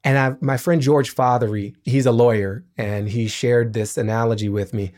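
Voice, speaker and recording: A middle-aged man speaks as a podcast guest, his voice at an ordinary male pitch. He explains with lively emphasis, pushing up on the lines that matter. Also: moderate pace. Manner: animated, emphatic explaining with business analogies. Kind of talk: podcast interview.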